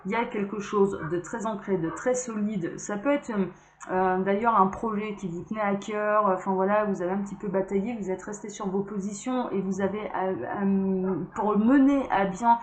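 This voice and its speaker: A chatty woman doing a casual card reading, speaking directly to her viewers as if they were friends. Her voice sits at an ordinary middle pitch. The room is echoey, and faint noise hums behind her. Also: steady tone, moderate pace. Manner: chatty, talks straight to viewers. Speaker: tarot card reader and channel host.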